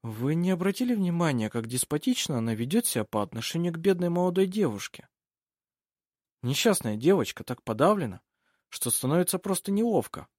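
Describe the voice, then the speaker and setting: A hesitant, worried young traveler in an audiobook, voiced by the narrator. The delivery is lively in pitch and recorded dry. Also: male voice, brisk, no echo. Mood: uneasy. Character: uneasy young male traveler, a nephew.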